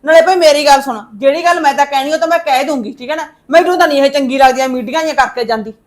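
A scolding, taunting mother in a family drama, played by a woman. Her voice sits very high and the words tumble out quickly. She needles everyone around her. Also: natural voice. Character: sharp-tongued meddling mother-in-law figure, woman. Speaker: visiting mother of the daughter-in-law.

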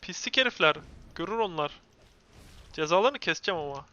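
A young man streaming a game, commentating live in an excitable way and ranting at and taunting his opponents. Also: high voice, a little fast, dull audio.

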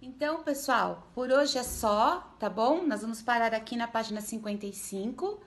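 A woman with a Brazilian Portuguese accent teaching a remote literacy lesson to first graders, speaking slowly and patiently, sounding out syllables and checking in with the children often. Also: a little high, lively intonation. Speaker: primary school teacher.

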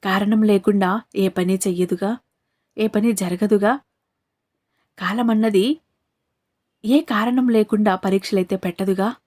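A woman's voice: mid-range voice, fairly even intonation, unhurried, long pauses, a little mellow. A woman giving a devotional address in a saint's voice, tender and consoling, calling the listener child and mother. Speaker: devotional message speaker.

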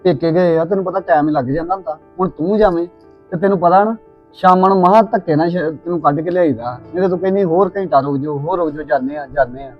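A man's voice: on the high side, fast, close to an everyday voice. A man with a Punjabi accent playing a teasing young husband chatting with his wife. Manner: teasing, relaxed. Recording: dull lo-fi sound with faint music.

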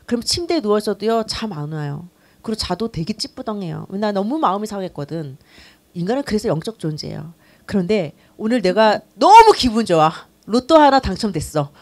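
A middle-aged woman pastor teaching a new-member class, telling her own story and acting out her old complaints. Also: a little high.

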